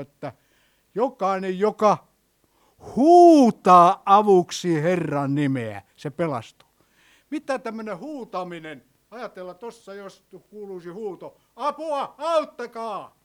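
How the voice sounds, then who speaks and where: Middle-aged male preacher, high-pitched, storytelling sermon, quiet to loud. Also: expressive. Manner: storytelling, swings between soft and loud.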